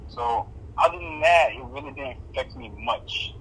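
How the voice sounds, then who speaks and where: A man's voice: medium pitch, moderate pace, a bit bright, a little hiss or hum, poor audio. A young man from Somalia answering interview questions in a casual, hesitant way, with many fillers and restarts. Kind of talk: casual oral history interview.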